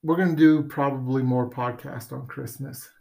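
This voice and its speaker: A man co-hosts a laid-back podcast with a voice of middling pitch. He rambles from one joke to the next and often leaves sentences unfinished. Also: steady tone, normal speed, gravelly, a little mellow. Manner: rambling, joking, trails off mid-sentence. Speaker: podcast co-host. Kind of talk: casual chat.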